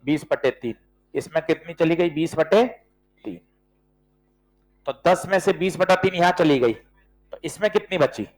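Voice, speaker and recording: A man teaching physics to a class, working problems aloud and coaxing students with quick questions. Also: a little high, darkish tone, low-quality recording. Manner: brisk, coaxing, quizzes students with short questions. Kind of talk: classroom lecture with problem solving.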